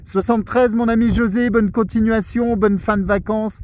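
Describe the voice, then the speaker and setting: A man with a high, steady, darkish voice speaks at normal speed as he makes friendly small talk over amateur radio from a nighttime mountaintop. He uses a handheld mic, signs off politely, and there's slight background noise.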